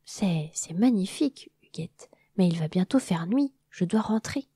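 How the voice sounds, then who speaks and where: A woman's voice: on the high side, normal speed, dark tone, no room sound, studio quality, pitched above the performer's own voice, natural voice. A woman voicing a timid, fearful little queen bee who stammers and frets.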